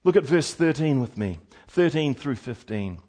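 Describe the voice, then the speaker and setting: A man preaching a sermon with passion, moving from loud exhortation to hushed tones. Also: mid-range voice, expressive, moderate pace.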